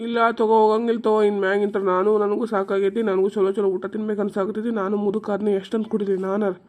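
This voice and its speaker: Woman playing a gruff old drunk husband. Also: medium pitch, little pitch movement, fast, darkish tone, natural voice. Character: old drunkard village husband, a field worker.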